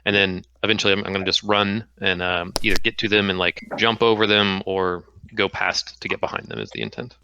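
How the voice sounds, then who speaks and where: A man's voice: low voice, steady tone, fairly quick, hardly any pauses, muffled recording, background noise. A man playing in a tabletop game, describing his character's actions hesitantly with many fillers. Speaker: player. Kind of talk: casual tabletop play.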